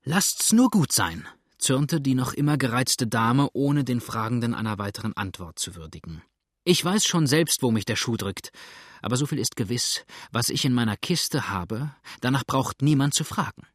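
A male reader voicing an indignant, chattering old widow with a shrill, scolding voice. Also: expressive, normal speed, dry recording, clean studio sound, lightly acted. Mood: huffy.

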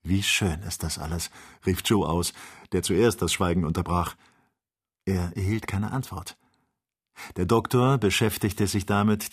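A man reading a classic adventure novel aloud as an audiobook narrator, in a measured storytelling manner. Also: low-pitched, slightly rough.

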